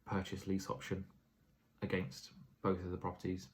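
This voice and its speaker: A man's voice: sits low, monotone, moderate pace, slight background noise. A tired man giving a casual vlog update on his property investing, rambling with plenty of fillers and self-corrections. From England.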